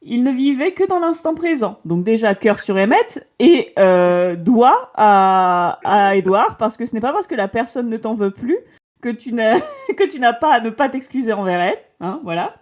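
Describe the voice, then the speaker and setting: A woman's voice: fairly high pitch, sing-song, normal speed, a little mellow. A woman co-hosting a casual podcast chat, reading passages from a book aloud and reacting with laughter and mock outrage. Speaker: podcast co-host.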